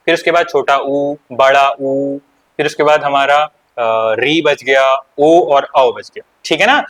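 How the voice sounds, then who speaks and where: Speaking with an Uttarakhand Hindi accent in a somewhat high, slightly bright voice, a man teaches an exam-prep class. He repeatedly questions his students only to answer himself, restating key points as he progresses.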